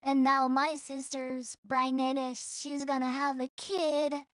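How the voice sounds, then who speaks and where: A woman from El Salvador speaks in English, in a high, flat-sounding voice. She talks slowly and rambles through a casual vlog, blunt and profane, stopping and restarting her thoughts. The sound is dry and close. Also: no room sound. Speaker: streamer.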